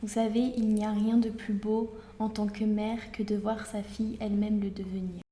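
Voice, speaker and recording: A woman's voice: medium pitch, level tone, normal speed, dark tone, reverberant, natural voice. A woman playing a devoted mother in her fifties, speaking tenderly. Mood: fond. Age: 50s. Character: fond middle-aged mother, 50s.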